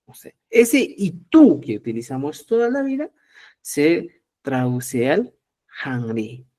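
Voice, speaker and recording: A middle-aged man leads a live online language lesson in a lively, talkative way. He plays both speakers in short sample dialogues, lifting his voice for each question. He keeps checking in with his viewers and calls them dear friends. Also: fairly high pitch, takes it slowly. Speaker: Quechua language teacher.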